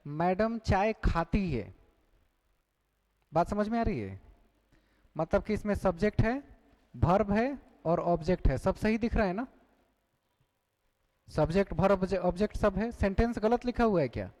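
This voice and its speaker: High-voiced male teacher quizzing his class. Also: animated, unhurried, long pauses, a little mellow, low-quality recording. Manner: questioning the class, repeating key points. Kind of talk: exam-prep class lecture.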